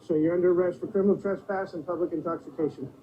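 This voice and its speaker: A man's voice: sits high, fairly even intonation, rapid-fire. A man speaking as an on-duty police officer, recorded on a body camera. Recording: noisy, phone-like body camera audio.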